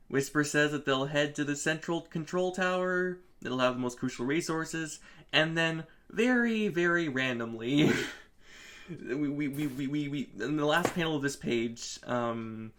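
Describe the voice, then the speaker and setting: A man co-hosting a casual comic review, recapping the plot in a halting, wry way. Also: fairly high pitch, a bit bright. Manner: halting, many fillers and restarts, wry. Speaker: podcast co-host.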